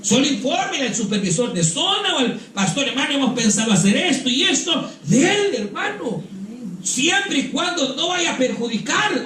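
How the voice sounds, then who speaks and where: High-voiced fervent man preaching. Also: bright, forceful tone, a little hiss or hum. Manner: fervent, calls out "hermano" and "aleluya"; repeats words while searching for them. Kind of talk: church retreat teaching. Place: church hall. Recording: echoey hall, mic at a distance.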